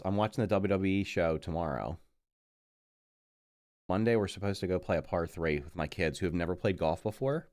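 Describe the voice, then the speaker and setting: A middle-aged man on a game livestream speaks in a low, darkish voice, rambling casually and sounding congested. He often backtracks to correct himself and mutters while busy. The studio sound is clean, with no echo.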